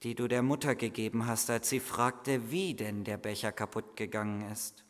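A man voicing the child Jesus in a lowered, soft and calm voice. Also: moderate pace, long reverb tail, natural voice. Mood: gentle.

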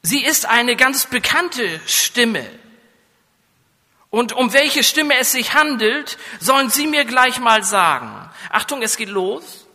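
In a church with hall reverb, a pastor from Germany's north, his coastal accent clear, preaches into a microphone. The very high voice is sharp in tone and very animated, though he takes his time. Often he questions the congregation, building up to emphatic, raised passages.

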